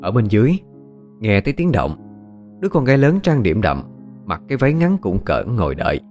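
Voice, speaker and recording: A man narrating a ghost story in an expressive storytelling manner. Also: lowish voice, a little fast, faint music behind. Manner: expressive storytelling, voices every character.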